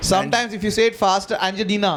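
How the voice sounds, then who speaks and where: A man from India co-hosting a comedy podcast, bantering excitably and swearing often. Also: high-pitched, rapid-fire, slight background noise. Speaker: podcast co-host. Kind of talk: casual comedic chat.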